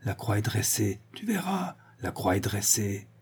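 A man voicing a bitter, vengeful older woman who speaks in a hoarse, clipped, hushed and menacing way. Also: fairly low pitch, sing-song, unhurried, full character voice. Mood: hissing hatred.

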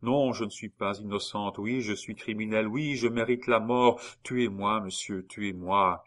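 A man's voice: on the low side, measured pace, a bit bright. A man reading an audiobook and voicing a guilt-ridden young woman who murmurs and begs in despair. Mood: pleading.

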